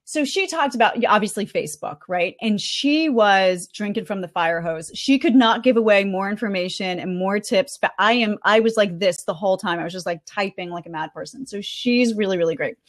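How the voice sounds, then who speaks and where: A woman's voice: medium pitch, a little fast, few pauses. Chatty woman recapping conference talks. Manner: chatty and animated, with frequent fillers and laughs. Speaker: guest reporting on a marketing conference. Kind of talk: casual podcast chat.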